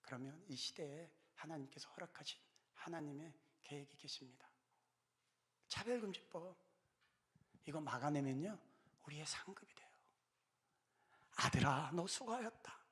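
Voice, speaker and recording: A man's voice: a little high, normal speed, pauses often. A man in his fifties giving an impassioned church talk, pleading with urgent fervor. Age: 50s. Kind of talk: impassioned exhortation.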